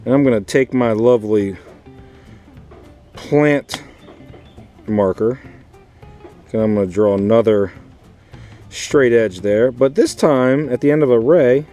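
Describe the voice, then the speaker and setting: Warm and medium-pitched, this American schoolteacher leads a casual fourth grade math lesson, going over key points more than once and checking in with questions.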